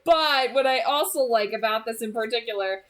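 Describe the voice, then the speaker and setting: Hosting a read-aloud channel, she offers casual, rambling commentary on a book at a moderate pace. Her voice is fairly high, and she's emphatic, frequently saying phrases twice for stress.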